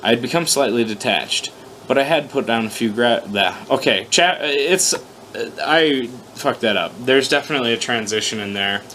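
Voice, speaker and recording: At a moderate pace, a man with an expressive, sharp-toned, medium-pitched voice hosts an informal reading of his own fan fiction. He curses casually, mocks himself, and stumbles over lines throughout. A little hiss or hum runs under the recording.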